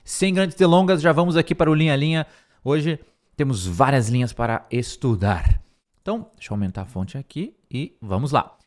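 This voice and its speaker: A young Brazilian man with a Brazilian Portuguese accent, teaching English in a casual screen-share lesson, chatting and slowly repeating words for practice. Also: medium pitch, expressive.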